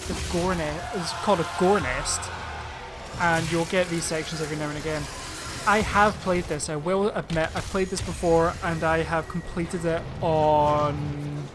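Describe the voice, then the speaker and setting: A man's voice: a little high, normal speed, noisy background. A man hosting a gaming video with casual, rambling commentary and chatty asides as he plays. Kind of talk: casual let's play commentary. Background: game music.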